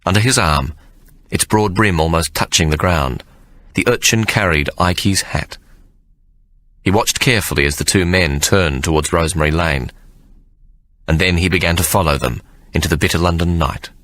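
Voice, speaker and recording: A man narrating an audiobook in a measured storytelling manner. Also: low-pitched, a bit bright, no room sound. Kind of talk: scripted narration.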